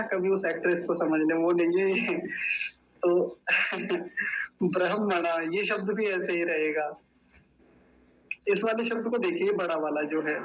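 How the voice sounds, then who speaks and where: A man teaching Sanskrit mantra pronunciation in an online class, chanting slowly and deliberately syllable by syllable. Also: high voice, a bit bright, highs cut off, a little hiss or hum.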